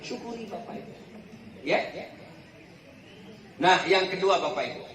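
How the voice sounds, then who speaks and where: A preacher from Palembang, Indonesia delivers a humorous sermon at a community gathering, repeatedly asking the crowd to agree with him. His voice is high-pitched, unhurried and a bit bright. The recording has a little hiss or hum, an echoey hall, a distant mic and crowd sound.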